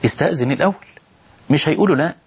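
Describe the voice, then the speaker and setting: A man's voice: fairly high pitch, racing, husky, highs cut off. A man with an Egyptian accent preaching on a televised call-in show, pleading and firing rhetorical questions at his listeners. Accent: Egyptian Arabic. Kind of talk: televised sermon with callers.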